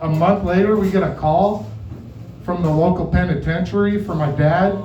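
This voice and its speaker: An amateur stand-up comedian rambles through casual, sweary stories at an open mic, chuckling at his own tales. His voice is high, steady and warm at a moderate pace. The echoey venue comes across muffled through a distant mic with a little hiss or hum.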